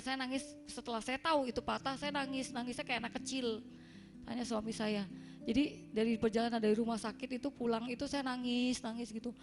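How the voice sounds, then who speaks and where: A young woman with a slightly high voice tells a church congregation her own story in a chatty, animated way, playing out each back-and-forth she quotes. Soft music sits faintly behind her. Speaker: church member giving a testimony. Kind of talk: personal testimony to a congregation.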